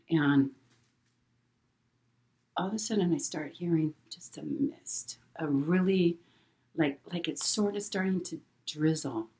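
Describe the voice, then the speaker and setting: A middle-aged woman telling a personal story in a halting way, repeating words and using many fillers. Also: low voice, darkish tone. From Hawaii. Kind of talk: casual spoken storytelling.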